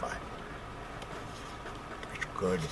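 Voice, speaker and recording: A man's voice: extremely slow, background noise. An American man giving a casual, conversational review to camera, repeating phrases for emphasis. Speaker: pipe tobacco reviewer. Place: basement.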